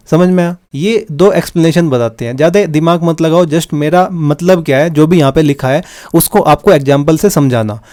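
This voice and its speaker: A man's voice: a little high, dark tone. A man teaching a law lesson, often checking understanding with "theek hai" and mixing English legal terms into his Hindi explanation. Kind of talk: explaining lecture with examples.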